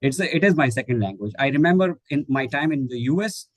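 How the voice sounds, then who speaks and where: Animated and quick, a mid-range male voice comes through on a dry recording. He is a middle-aged English teacher trainer from India, a native Hindi speaker, taking questions as a guest in an online webinar and often hesitating, filling pauses and restarting.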